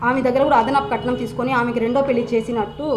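Young woman with a Nellore Telugu accent, aggrieved press statement, high voice, rapid delivery. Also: fairly even intonation, background noise. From Andhra Pradesh, India. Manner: urgent, aggrieved, many restarts and repeats. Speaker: wife speaking at a press meet.

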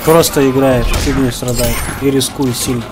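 Over fighting game music and sounds, a man with a medium-pitched, fairly even voice casually narrates his online matches at normal speed. He keeps up a muttered stream of comments aimed at his opponent.

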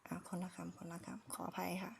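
A woman with a Thai accent teaching English phonics in a relaxed lesson, slowly sounding out words syllable by syllable and laughing at her own slips. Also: background noise.

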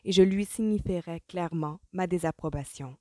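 A hot-tempered young brother, gruff and grumbling, reading in a dark, mellow tone, as a woman puts him on. The sound is close and dry. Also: fairly low pitch, moderate pace, dry recording, lightly acted. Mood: angry.

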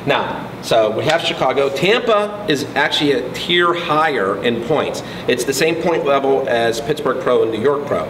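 Middle-aged guy host teasing his guest, mid-pitch voice, room noise behind. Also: expressive, moderate pace, hardly any pauses. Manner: joking, teasing. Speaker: interviewer, host. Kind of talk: casual interview. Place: large indoor gym, in front of a logo wall. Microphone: far camera mic. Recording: echoey room, picked up from a distance, with clear ambience.

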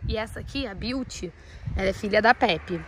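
A Brazilian woman with a mid-range voice and a Brazilian Portuguese accent vlogs handheld at a horse farm in the rain, speaking at normal speed. She's shaken and trembling with nerves, talking casually to her viewers and shouting at a horse. Slight hiss or hum sits under the audio.

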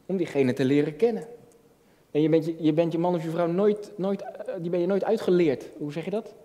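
Man, sermon preacher, fairly high voice, mellow tone, long hall echo, conversational with restarts, emphatic build-ups. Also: fairly quick. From Netherlands. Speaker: youth pastor.

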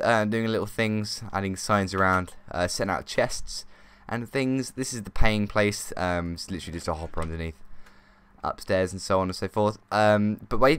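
A man's voice: on the low side, fairly bright tone, smooth. A man hosting a let's play, giving chatty, easily sidetracked commentary as he plays. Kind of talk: casual gameplay commentary.

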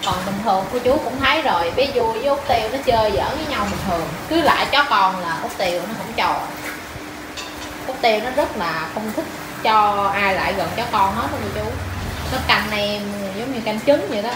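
A woman's voice: mid-range voice, expressive, fairly quick, noisy background. A young woman, chatting casually to her viewers about her pets and cooing to her dogs. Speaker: pet vlogger.

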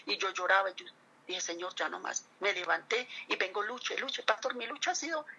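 A woman's voice: medium pitch, brisk, sharp tone, husky, dull audio. A middle-aged woman giving an earnest, emotional religious testimony to a pastor, addressing him again and again as she speaks.

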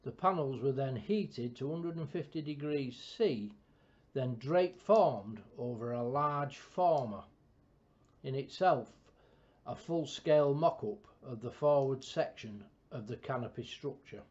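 A man giving a scripted, measured technical narration of an engineering build, with a dull lo-fi recording. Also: mid-range voice, lively intonation, darkish tone. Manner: measured, precise technical delivery. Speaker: project narrator.

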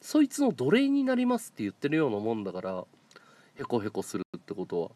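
A man's voice: medium pitch, wildly swooping pitch, fast talker, dark tone, dry recording. A man streaming a casual monologue, telling stories in a blunt and outspoken way. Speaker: live streamer.

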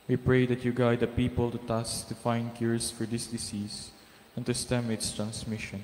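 A man serving as lector, reading a prayer aloud in a steady, measured way, with a cathedral echo around his voice. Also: mid-range voice, a little hiss or hum. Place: large church. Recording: roomy church with long reverb and faint ambience.

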